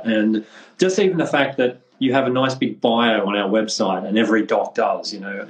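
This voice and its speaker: A man's voice: fairly low pitch, poor audio. A man hosting a casual podcast, friendly and rambling, often restarting his sentences. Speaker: podcast host, clinic representative.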